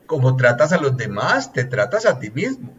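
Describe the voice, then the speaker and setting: A man's voice: medium pitch, very animated, normal speed, fairly bright tone, a little hiss or hum. Earnest man, muffled recording. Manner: earnest, teacherly, lists points, often says "etcétera". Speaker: relationships consultant, guest. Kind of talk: explanatory coaching talk.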